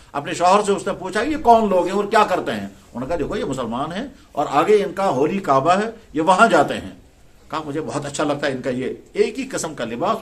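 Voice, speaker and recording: A man's voice: high-pitched, fairly bright tone. A male Islamic scholar giving a religious talk in style storytelling, acting out quoted dialogue in a conversational way.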